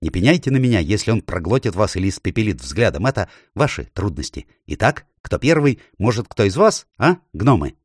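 A man does a scheming storybook ape with a high, mocking, loud voice. His pitch leaps around as he taunts and snaps orders, and the sound is close and dry. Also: sing-song, a little fast, hardly any pauses, breathy edge, no room sound. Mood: sneering. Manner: sneering, taunting, shouting orders. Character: sly scheming male ape, mocking and shrill.

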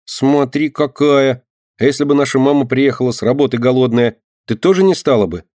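A man doing a gentle, timid girl. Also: medium pitch, fairly quick, dry recording, studio quality, pitched above the performer's own voice, close to an everyday voice. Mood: anxious.

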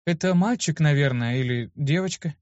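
Brief: a man doing a fiery young woman healer, raised and sharp, in a dull lo-fi recording. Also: fairly high pitch, normal speed, dry recording, pitched above the performer's own voice, close to an everyday voice. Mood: flustered. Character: young woman healer, hot-tempered, accusing.

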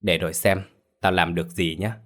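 A man's voice: sits low, fairly even intonation, normal speed, a bit bright. A man voicing the vicious Ma Lai ghost. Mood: menacing. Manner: pleading then menacing and mocking. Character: cunning vicious female ghost, head detaches.

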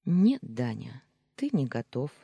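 Troubled young woman voiced by a narrator; husky, slow and quiet, dry close recording. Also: medium pitch, big pitch swings, dry recording, heavily acted. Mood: sad. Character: troubled young woman, first-person heroine. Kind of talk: audiobook character reading.

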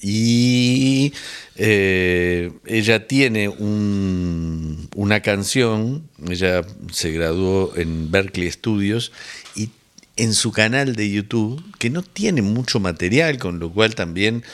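A man's voice: fairly low pitch, slow, clean tone. A man hosting a radio music show, chatting casually and thinking aloud with many fillers. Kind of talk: casual radio chat presenting songs.

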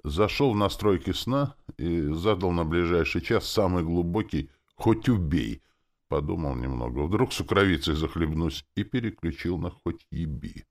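A man reading a first-person audiobook with an expressive, wry delivery. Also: deep voice, moderate pace, few pauses. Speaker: audiobook narrator.

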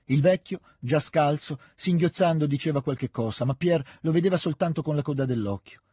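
A male audiobook reader narrating a classic novel in a measured, even storytelling manner. His dark, husky voice sits close to the mic in a dry studio recording. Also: on the high side, dry recording. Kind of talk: scripted literary narration.

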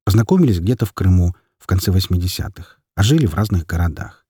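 A man narrating a story in an expressive, scripted reading. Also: sits low, fast talker, husky, no echo, studio quality. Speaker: audiobook narrator.

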